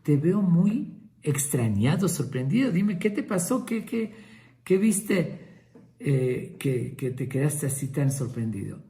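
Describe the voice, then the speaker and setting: A man telling a story and voicing a humble, kindly elderly male sage, gently asking questions. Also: a little high, sing-song, slow pace, heavily acted. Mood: kindly curious.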